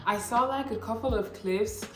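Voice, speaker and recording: This late-teen vlogger, not a native English speaker, talks at a moderate pace in a fairly high voice, keeping her scripted vlog casual and upbeat with slangy side comments. Faint music plays in an echoey room.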